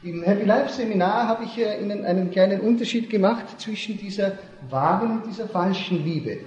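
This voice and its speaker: In a dull, lo-fi recording from an echoey hall, a man lectures a seminar, going step by step, repeating the main points and checking comprehension. He speaks fairly quickly in a high-pitched, slightly mellow voice.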